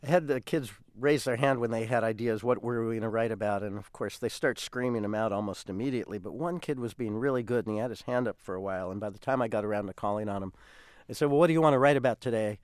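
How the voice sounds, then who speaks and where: A man's voice: fairly low pitch, fast talker, dry recording, studio quality. A man, a songwriter who leads children's music workshops, telling stories in a radio interview and acting out the voices he quotes.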